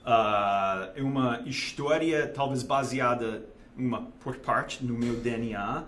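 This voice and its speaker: A Dallas-raised investment manager in his forties, a native English speaker from Texas, speaks Portuguese with a Texan accent as a guest in a casual interview. His medium-pitched, slightly bright voice moves slowly and hesitantly, full of fillers and restarts, over a faint hiss or hum.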